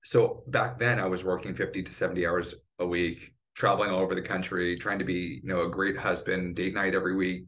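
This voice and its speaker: A man's voice: low voice, flat delivery, brisk, hardly any pauses, a bit bright. A middle-aged man, a cancer survivor and advocate, speaking earnestly in a podcast interview and getting choked up at times.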